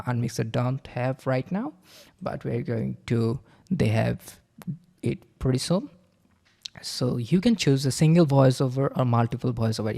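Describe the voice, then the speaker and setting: A man giving a casual screen-recording tutorial, halting with many fillers and repeated okays. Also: medium pitch, gravelly, warm tone. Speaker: software reviewer.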